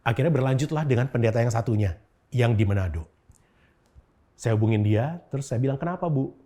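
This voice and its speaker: Mellow-voiced man telling his story. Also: medium pitch, a little fast. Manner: storytelling with frequent 'gitu' fillers and acted-out quotes. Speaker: interview guest. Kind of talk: personal testimony in casual chat.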